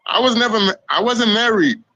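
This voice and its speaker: A man from Israel, a guest on a live dating interview, giving short, flat answers. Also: high-pitched, fairly quick, no room sound, lo-fi sound.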